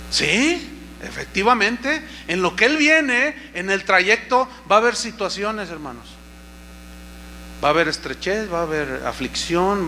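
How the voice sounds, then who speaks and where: Male pastor, high voice, lively sermon delivery, faint hum. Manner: animated preaching, acts out quoted voices, asks the congregation questions.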